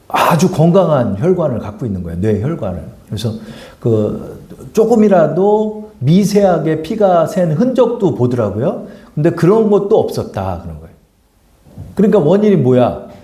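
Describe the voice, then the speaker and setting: A man's voice: medium pitch, dark tone, roomy sound. A man preaching a conversational sermon as a pastor, asking his congregation rhetorical questions. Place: church sanctuary.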